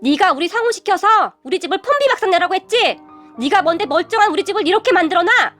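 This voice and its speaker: Brief: scornful shouting middle-aged mother, cruel and snobbish, high-pitched, put on by a female narrator. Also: lively intonation, brisk, faint music behind. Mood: angry.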